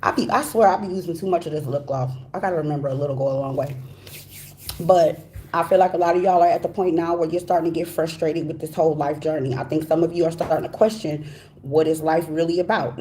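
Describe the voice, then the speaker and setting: Low, mellow woman talking through braces. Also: steady tone, brisk, a little hiss or hum. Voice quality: slightly impeded speech from wearing braces. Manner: informal, folksy, direct address to viewers. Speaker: tarot reader, host of a live reading. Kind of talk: casual chatty live tarot reading.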